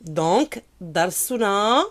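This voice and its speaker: A woman with a Moroccan accent teaching French pronunciation in a video lesson, drilling each sound slowly and asking viewers to repeat after her. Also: medium pitch, animated, fairly bright tone. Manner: slow, deliberate, drills words and has viewers repeat; switches between French and Moroccan Arabic to explain.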